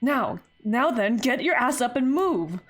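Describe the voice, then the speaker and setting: A woman voicing a fiery, brash teenage girl who scolds bluntly and loudly in a visual novel. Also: a little high, very animated, a little slow, voice pushed up. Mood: scolding.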